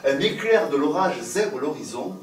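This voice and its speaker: A man telling stories on stage, playful and lively, moving between loud and hushed. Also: fairly high pitch, moderate pace. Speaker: storyteller. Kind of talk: theatrical storytelling for adults. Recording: roomy live recording from a distance.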